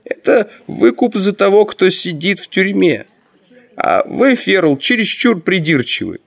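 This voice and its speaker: A man voicing an older male high magistrate who hesitates and marvels, read as an audiobook. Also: very animated, measured pace, vocal fry, full character voice. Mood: wavering. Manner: hesitant, then astonished. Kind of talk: audiobook narration.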